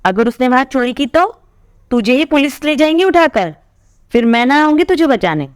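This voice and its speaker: A woman voicing an angry older sister who scolds sharply and rises to loud outbursts, with a smooth, clear voice. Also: sits high, lively intonation, moderate pace, no room sound, clean studio sound, voice pushed up. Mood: angry scolding.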